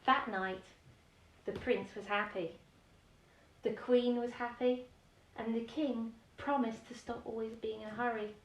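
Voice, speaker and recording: A woman whose voice sits on the high side reads a picture-book bedtime story at a measured pace with fairly even intonation. She reads expressively, chatting and questioning her young audience. Expect a roomy echo and a mic placed far away.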